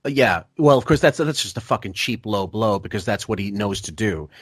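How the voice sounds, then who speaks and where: A man hosting a casual podcast discussion, blunt and profane, talking in rushing restarts. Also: fairly low pitch, expressive, husky, dry recording, studio quality. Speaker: podcast host.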